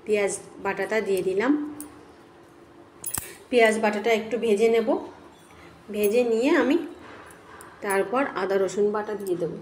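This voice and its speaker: A middle-aged woman, hoarse from a cold, chatting homely to viewers as she cooks fish in her kitchen. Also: mid-range voice, moderate pace, long pauses, darkish tone, slight background noise. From Bengal. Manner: chatty, homely, talks to viewers while cooking. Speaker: cooking vlogger. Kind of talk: casual cooking commentary. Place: home kitchen.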